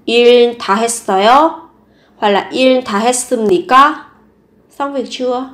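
A woman's voice: a little high, quick pace, fairly bright tone. A young woman with a Vietnamese accent teaching Korean phrases, patiently repeating each example several times. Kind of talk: language lesson explaining phrases.

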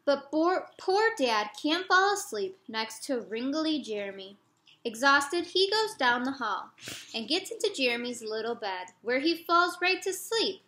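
Slow, bright-voiced woman reading a picture book. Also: high voice, echoey room. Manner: slow, expressive and gentle. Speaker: storyteller. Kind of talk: picture book read-aloud.

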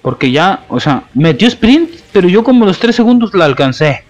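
A man's voice: high voice, sing-song, moderate pace, faint music behind. A man with a Mexican accent commentating his own gameplay live, taunting his opponents with playful trash talk.

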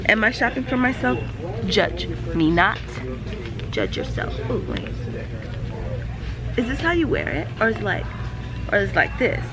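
A woman's voice: mid-range voice, very animated, moderate pace, long pauses, music in the background. A woman in her thirties chatting enthusiastically in a casual shopping vlog, recorded on a phone held at arm's length. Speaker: vlogger.

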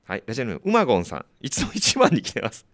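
A man's voice: medium pitch, huge pitch swings, fairly bright tone, dry recording. A man hosting a community radio show, reading listener mail in a chatty, joking way with frequent laughter. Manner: chatty, laughing often, quick asides to listeners.

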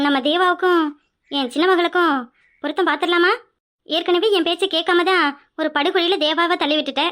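High bright voice, sneering scheming sister-in-law as a woman voices her, cartoon, Kanyakumari Tamil accent. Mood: coaxing. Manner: sneering and suspicious.

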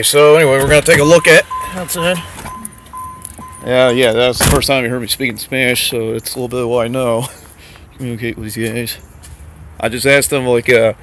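Filming on a handheld camera in and just outside a parked car, a male vlogger does a casual, off-the-cuff show-and-tell. His mid-range voice has a fairly bright tone, and he sounds hesitant, thinking aloud as he goes.

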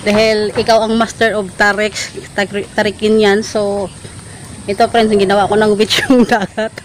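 A woman's voice: mid-range voice, little pitch movement, moderate pace, low-quality recording. A cheerful young woman vlogging outdoors at a flooded farm, laughing often and talking to her viewers as guys. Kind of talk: casual vlog chat. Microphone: phone at arm's length. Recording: outdoor noise from a phone.

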